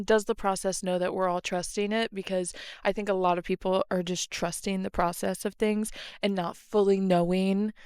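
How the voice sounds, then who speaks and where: A woman's voice: medium pitch, clean tone, no echo, studio quality. A young woman hosting her podcast, chatting casually and laughing at herself while standing outside in the cold. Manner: chatty and self-mocking, laughs between phrases. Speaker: podcast host. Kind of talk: casual solo chat outdoors. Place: outdoors in the cold by a train line. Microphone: camera close up.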